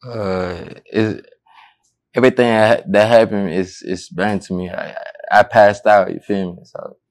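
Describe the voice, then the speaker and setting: A young man talks low and tersely, with a deep, gravelly fry under his words. He mumbles short, slangy answers while seated indoors. He is recorded close on a lapel mic. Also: fairly even intonation, measured pace. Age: young adult. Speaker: rapper, interview guest. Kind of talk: casual interview.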